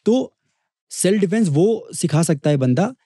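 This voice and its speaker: A young man from Kanpur, India, appears as a guest, an MMA fighter, telling a story in a casual chat. His high-sitting voice has a breathy edge and a measured pace, and he's a lively storyteller who acts out quoted dialogue. The studio-quality recording has no room sound.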